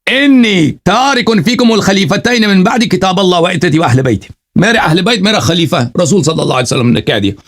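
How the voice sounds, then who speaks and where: A man hosting a heated live religious debate, insistent and combative, who keeps pressing his opponent for answers and recites scripture slowly between quicker arguments. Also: high voice, expressive, a bit bright. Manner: cites scripture slowly, then speeds up to argue. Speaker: debater and channel host.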